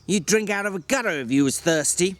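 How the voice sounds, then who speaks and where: A man playing a small, quick, nervous, sharp-tempered male tramp who scolds in rough rural dialect in a dramatic story reading. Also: high voice, expressive, voice pushed up. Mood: scolding.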